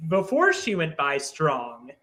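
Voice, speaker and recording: Slightly high-voiced man on a podcast. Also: huge pitch swings, slow pace, sharp tone. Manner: chatty, gives facts with many likes. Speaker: podcast co-host. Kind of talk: casual cartoon podcast chat.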